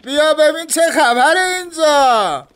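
A man voicing a tall, brash army commando with a Turkish accent who shouts orders. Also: very high-pitched, pitched above the performer's own voice. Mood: amused, casual.

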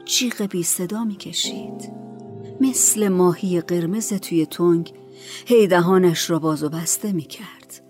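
Soft-voiced woman narrating a story. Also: on the low side. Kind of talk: audiobook narration. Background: faint music.

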